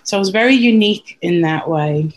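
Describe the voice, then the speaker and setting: A woman's voice: mid-range voice, expressive, a little fast, slight background noise. A woman co-hosting a podcast, chatting casually, laughing often and explaining at length. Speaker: podcast co-host.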